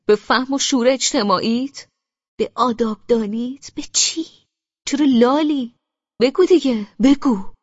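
A woman narrator voicing a furious young man who shouts scornful, sarcastic rebukes at his sister. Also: on the high side, no echo, pitched above the performer's own voice, lightly acted. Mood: furious scolding. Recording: dry, slightly dull studio audio.

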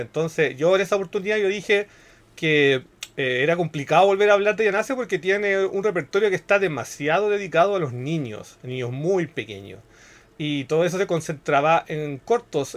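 A man in his thirties with a Chilean accent, hosting a casual podcast and explaining at length in a chatty, slangy way. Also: on the high side. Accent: Chilean Spanish. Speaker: podcast host.

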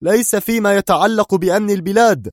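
A stern, indignant security chief, as a male narrator puts him on in an audiobook scene, his voice pushed up high and strained. The sound is dry and close, with no room in it. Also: expressive, brisk, darkish tone, no room sound, lightly acted.

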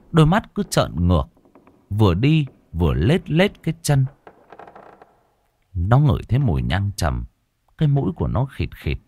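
A man narrating a ghost story in a slow, dramatic, suspenseful way. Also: on the low side, a little mellow. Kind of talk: scripted horror narration.

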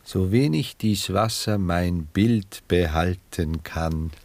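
A man performs in a German radio drama of the 1960s as a cultivated gentleman, coolly ironic and formally, measuredly courteous in a detached way. His deep voice carries a brooding, ironic mood, with no echo.

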